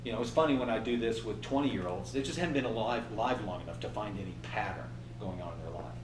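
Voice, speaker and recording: A man in his fifties giving an animated motivational workshop talk and acting out inner voices. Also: fairly low pitch, fast, reverberant, distant mic, noisy background. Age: 50s. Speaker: trainer.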